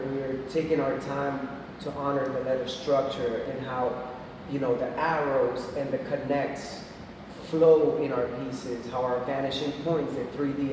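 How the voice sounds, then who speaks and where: Man in his forties, echoey gallery. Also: medium pitch. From Puerto Rico. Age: 40s. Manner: relaxed, explanatory, with frequent fillers. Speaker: guest artist. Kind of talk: casual artist talk. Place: art gallery. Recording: echoey gallery from far off, noisy.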